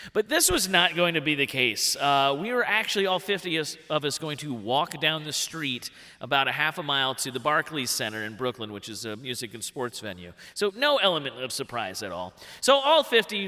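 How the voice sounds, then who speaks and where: Bright-voiced man in his forties telling a comic story. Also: a little high. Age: 40s. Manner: animated, jumps into big voices for quotes. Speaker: workshop storyteller. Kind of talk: live comic personal storytelling. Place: stage in a theatre hall. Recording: long hall reverb.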